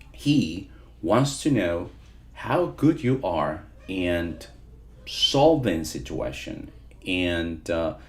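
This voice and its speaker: A man teaching a live interactive online lesson, repeating points and often checking in with his listeners. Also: fairly low pitch. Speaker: teacher of call-centre English.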